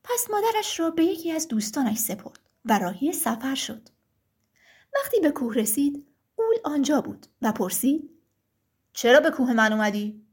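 A woman narrating a children's fairy tale in a calm, clear storytelling manner. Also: high-pitched.

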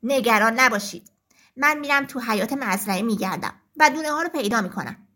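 A woman's voice: fairly high pitch, lively intonation, sharp tone, voice pushed down. A woman voicing a big, proud male farm rooster who speaks in a boastful, showy way in a children's story. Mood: proud, reassuring.

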